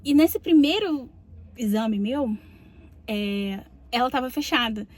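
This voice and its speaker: A young Brazilian psychologist who hosts a podcast tells a personal story in a chatty manner, frequently adding little tag questions. She's from Rio de Janeiro state and speaks with a Brazilian Portuguese accent, her voice a little high, expressive and slow.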